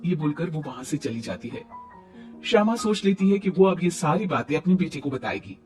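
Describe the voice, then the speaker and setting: A man narrating a scripted cartoon story in a plain, steady way. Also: on the high side, normal speed. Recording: distant mic, faint music.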